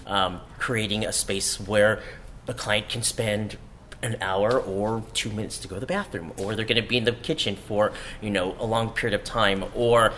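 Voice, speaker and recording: A man who works as an interior designer, speaking in a halting way with many fillers on a panel. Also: on the low side, fairly even intonation, a bit bright, slight background noise. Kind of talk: panel discussion.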